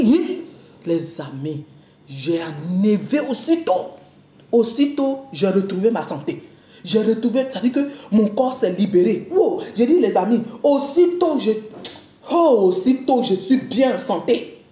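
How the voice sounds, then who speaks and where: A woman preacher giving a lively, repetitive spoken testimony to a congregation, full of exclamations. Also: fairly high pitch, reverberant. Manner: animated, repetitive, storytelling with exclamations.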